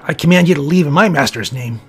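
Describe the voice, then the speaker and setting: A sultry female demon, mocking and spiteful, put on by a man reading the account. The voice is a little husky, sits fairly high, and has faint music underneath. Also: fast talker.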